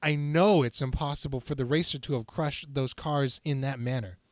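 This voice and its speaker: A man's voice: mid-range voice, fairly even intonation, moderate pace, a little hiss or hum, lightly acted. A man reading the part of Spider-Man, a brash, quippy young superhero, in an amateur comic-book reading, stumbling over the script now and then. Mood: flippant, wisecracking.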